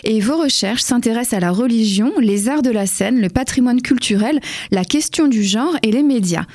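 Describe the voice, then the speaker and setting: A woman hosting a radio interview, asking measured, polite questions with occasional fillers. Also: on the high side, a little mellow, dry recording. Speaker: radio host.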